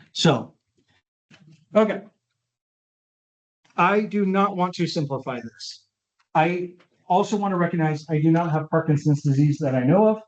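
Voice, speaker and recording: A man's voice: fairly high pitch, a little mellow. A man giving an informal talk as a neuropsychologist, often stopping to check that his audience is following. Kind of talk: conversational lecture with audience questions. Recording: roomy, dull lo-fi online session audio.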